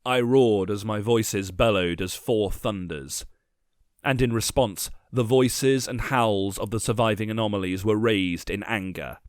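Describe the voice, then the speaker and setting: Low-voiced man narrating a grim tale. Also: clear, resonant tone, dry recording, studio quality. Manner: measured, grim storytelling delivery. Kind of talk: dramatic first-person storytelling.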